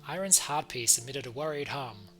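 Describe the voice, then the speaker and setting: A man's voice: mid-range voice, lively intonation, moderate pace, a bit bright, faint music behind. A man hosting a let's play, reading a visual novel aloud and breaking off for wry, stop-start casual commentary. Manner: stop-start, repeats words, wry asides.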